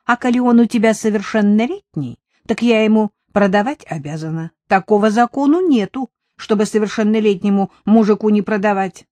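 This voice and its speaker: Brash village shopkeeper woman, bossy and loud, read by a woman narrator, dry close audiobook sound. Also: medium pitch, a little fast, hardly any pauses, no echo, pitched above the performer's own voice, close to an everyday voice. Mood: indignant. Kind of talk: audiobook character voice.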